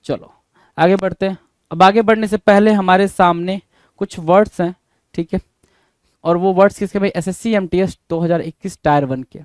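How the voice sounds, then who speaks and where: A man's voice: sits high, fairly even intonation, moderate pace, a little mellow, smooth, dry recording. A man teaching an English spelling lesson, spelling words out letter by letter and asking and answering his own questions.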